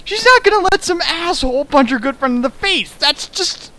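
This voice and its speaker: A man reads fan fiction aloud on a home stream, ridiculing it with exasperated sarcasm and mock voices. His very high-pitched voice sounds pushed and bright, with lively intonation at normal speed.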